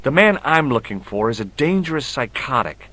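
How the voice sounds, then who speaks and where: A wry adventurer interrogating a kid. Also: male voice, medium pitch, big pitch swings, normal speed, pushed and bright, a little hiss or hum. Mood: dry. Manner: dry, sarcastic questioning. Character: wry adult male tourist sleuth, questioning a boy.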